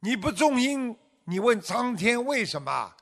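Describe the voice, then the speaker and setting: A man giving a Buddhist dharma talk as a teacher, asking his listeners rhetorical questions and tagging sentences with drawn-out particles. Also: very high-pitched, big pitch swings, fairly bright tone. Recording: long hall reverb.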